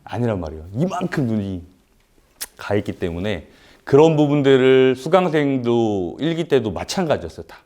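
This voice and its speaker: A man with a throat cold lectures live at a paid business seminar, speaking to an audience in an indoor room. His medium-pitched voice is mellow and sing-song at normal speed, and he talks casually, posing rhetorical questions and using many "uh" fillers.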